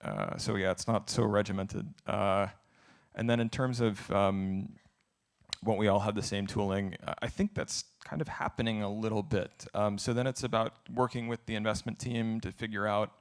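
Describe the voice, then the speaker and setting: Man, low voice, gravelly, conference Q&A answers, candid, thinking aloud. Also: steady tone, normal speed. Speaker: speaker answering audience questions. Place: conference event.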